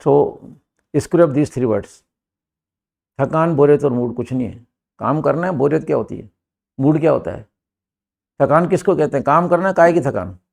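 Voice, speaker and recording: A man's voice: on the high side, lively intonation, normal speed, gravelly, long pauses, darkish tone. An older man with an Indian accent teaching English to a class, asking emphatic rhetorical questions, recorded from a far camera in a classroom. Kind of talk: classroom lesson.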